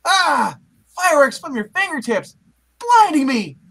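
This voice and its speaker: A man's voice: very high voice, sing-song, a little slow, vocal fry, sharp tone, pitched above the performer's own voice, full character voice. A man voicing a brash, wisecracking young superhero, melodramatic and exclamatory, in a comic book puppet-show reading. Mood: startled.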